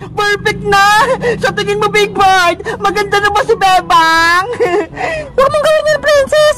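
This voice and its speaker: A mischievous little cartoon girl giggles and squeals in a very high voice, put on by a woman. She talks slowly and drags her words out. Music plays steadily behind her. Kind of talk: cartoon voice acting. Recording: music in the background.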